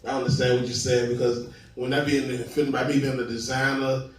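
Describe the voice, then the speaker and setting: A man's voice: mid-range voice, a little fast, slight background noise. Laid-back forties guy from richmond virginia, kinda far off mic, big echo. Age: 40s. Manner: relaxed, searching for words. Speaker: guest, designer. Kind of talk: casual chat. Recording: very echoey room, far from the mic.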